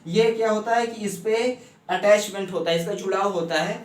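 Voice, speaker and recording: A man teaching shorthand step by step, explaining at a board in speech and often asking if it is clear. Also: high-pitched, moderate pace. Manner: steady, repeats "ठीक है ना" often. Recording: echoey room, mic far off, faint hum.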